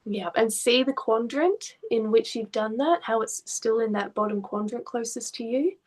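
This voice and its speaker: A woman art therapist gently asking questions and explaining what a client's drawings mean. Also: on the high side, normal speed, low-quality recording. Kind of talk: therapy session conversation.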